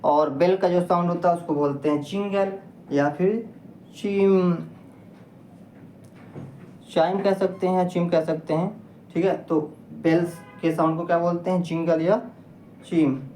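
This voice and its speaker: A woman's voice: fairly low pitch, fairly even intonation, measured pace, pauses often, mellow. A woman teaching English vocabulary in a patient lesson, spelling words out letter by letter and quizzing her listeners. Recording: echoey room with faint noise.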